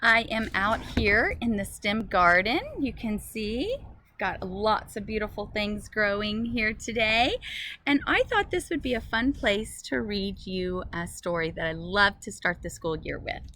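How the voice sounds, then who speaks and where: Outdoors in a school garden, an expressive woman reads a picture book aloud to young children, using simple phrasing aimed at them. Her mid-range voice moves at a measured pace, and the noisy outdoor recording is full of ambient sound.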